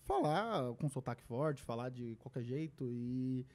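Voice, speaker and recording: Animated Brazilian man with a mellow voice. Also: mid-range voice, unhurried. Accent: Brazilian Portuguese. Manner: animated storyteller who acts out quoted lines. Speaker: podcast guest. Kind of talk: casual podcast conversation.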